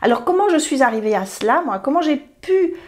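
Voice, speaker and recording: A woman's voice: sits high, big pitch swings, fairly quick, darkish tone. Earnest woman in her late fifties from Belgium. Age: 50s. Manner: earnest, rambling, with many self-corrections. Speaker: emotional therapy practitioner. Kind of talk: personal talk to camera.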